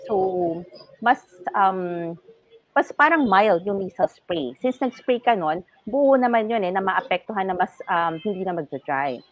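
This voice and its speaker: A woman's voice: mid-range voice, lively intonation, measured pace, no room sound. Woman ENT guest, patient explainer, muffled dry studio audio. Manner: patient, explanatory, mixing English and Tagalog. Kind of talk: explaining in a TV health talk show.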